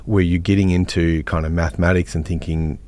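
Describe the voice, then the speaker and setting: A man's voice: low voice, little pitch movement, brisk, a little mellow. A man hosting a podcast interview, asking probing questions in a conversational way. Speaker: podcast host.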